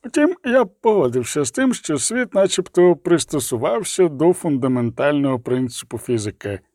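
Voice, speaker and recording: A man as a wry, calm wanderer. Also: a little high, moderate pace, no echo, studio quality. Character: calm wry male traveler called Pilgrim.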